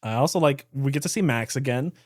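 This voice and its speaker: Male podcast host, excitable, filler-heavy, mid pitch, dry close recording. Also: fast talker, dry recording. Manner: excited, many fillers, frequent laughs. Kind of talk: casual book discussion.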